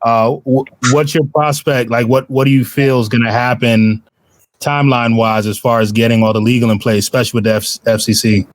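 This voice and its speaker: A man's voice: mid-range voice, level tone, brisk. A man in a casual question-and-answer exchange, speaking as a judge.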